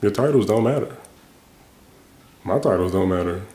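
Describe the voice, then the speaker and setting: With a low-pitched, warm voice and lively intonation at normal speed, a man hosts a reflective solo podcast, musing casually and often starting his thoughts over. The sound is roomy, with a little hiss or hum.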